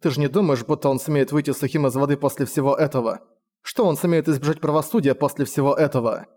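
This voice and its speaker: A pleading, indignant young village woman, as a male narrator puts her on, lifted a little higher than his usual tone. Her lines stay urgent and earnest throughout the storybook scene. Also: quick pace, darkish tone, natural voice. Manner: pleading, slightly raised voice.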